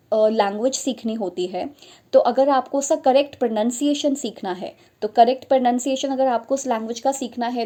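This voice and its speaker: A woman's voice: on the high side, dark tone. A young adult woman tutoring for teaching exams, explaining step by step in a spoken lesson, often repeating her points and slipping in English phrases.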